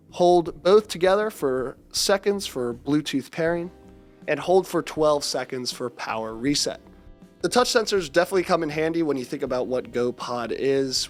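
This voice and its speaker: This upbeat product review is read from a script by a young man who sounds stuffed up and congested. His pitch sits on the high side, and he keeps a brisk pace.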